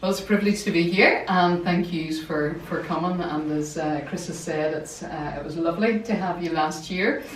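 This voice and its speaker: A woman's voice: lowish voice, moderate pace, few pauses. Woman w/ ulster scots accent doing an academic seminar talk, mic a bit far off, roomy. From Northern Ireland. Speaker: academic research fellow, guest speaker. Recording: roomy, distant mic, faint noise.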